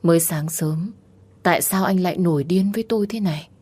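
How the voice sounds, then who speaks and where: A woman narrating a first-person romance story as an audiobook, in a steady, emotional reading. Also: fairly low pitch, fairly quick, slightly rough.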